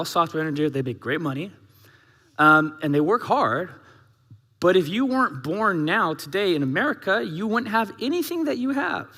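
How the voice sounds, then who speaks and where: In a large church hall, a male pastor with a bright, high voice delivers a sermon, each phrase followed by long reverb. His style is lively and conversational, and he keeps throwing rhetorical questions at the congregation.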